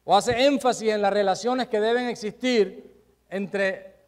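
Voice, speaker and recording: Preaching to his congregation, a man speaks in a high, steady voice at a slightly slow pace. He shifts from forceful emphasis to hushed asides and poses rhetorical questions.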